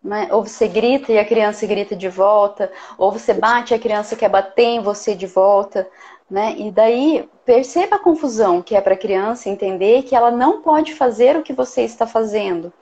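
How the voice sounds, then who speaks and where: A woman's voice: mid-range voice, normal speed, dark tone, highs cut off. A woman giving earnest parenting advice in a casual talk, often checking in with "né?". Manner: earnest, explains with many "né?" tags. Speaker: parenting guest expert.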